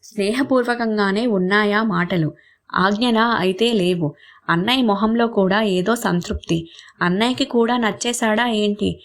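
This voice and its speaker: A woman's voice: medium pitch, unhurried. A woman telling a short story, narrating it aloud and acting out the family members' lines in quotes.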